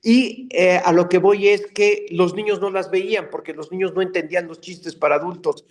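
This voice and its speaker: An older man, a dubbing actor telling stories in a casual interview, animated and slipping into character voices. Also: sits high, normal speed. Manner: animated, slips into character voices mid-story. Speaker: voice actor and dubbing director guest.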